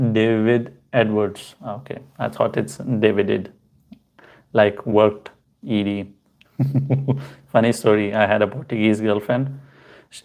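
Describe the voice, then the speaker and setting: A man hosting a casual crypto livestream, answering viewer comments in a halting way with many fillers and chatty asides. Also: on the low side, vocal fry. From Pakistan. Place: home, in Canada.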